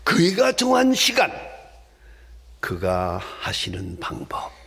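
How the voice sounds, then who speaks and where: A male pastor preaching a sermon, swinging from loud exclamations to hushed whispers. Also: a little high, huge pitch swings, slow pace, gravelly, slightly rough.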